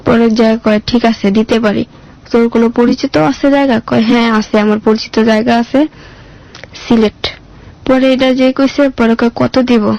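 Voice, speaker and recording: In a lo-fi recording, a girl in her mid-teens speaks with a colloquial Bangladeshi accent, recounting her own story plainly through brief interview answers. Her fairly high voice is gravelly and a little mellow, keeping a steady tone at normal speed.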